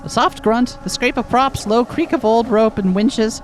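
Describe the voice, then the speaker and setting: A woman's voice: fairly high pitch, moderate pace, slight background noise, close to an everyday voice. A woman voicing an anxious, sweary, sarcastic young heroine while reading a video game aloud. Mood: sarcastic, wary.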